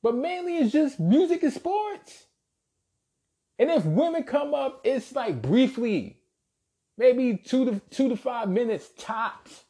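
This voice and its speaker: A man's voice: very high voice, big pitch swings, slow pace, dark tone. A young man delivering a heated, profane commentary rant with emphatic repetition. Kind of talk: ranting commentary.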